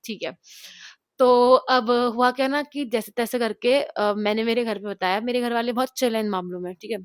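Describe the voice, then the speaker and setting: A young woman chats straight to her camera in an animated, casual storytelling style, slipping English words into her sentences. Her voice sits a little high. The sound is dry and close, with no room echo. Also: normal speed, smooth. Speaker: vlogger. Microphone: clip-on mic, later camera mic after battery died.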